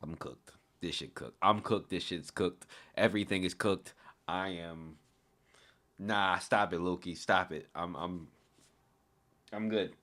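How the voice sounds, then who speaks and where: Excitable man streaming a reaction. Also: deep voice, unhurried. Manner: excitable, swears often, talks back to chat. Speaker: streamer reading a web novel aloud.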